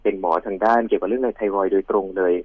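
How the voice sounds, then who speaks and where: A man's voice: lowish voice, steady tone, rapid-fire, breathy edge, no room sound. A man who is a doctor, giving reassuring health explanations as a radio call-in guest. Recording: phone line, dull lo-fi.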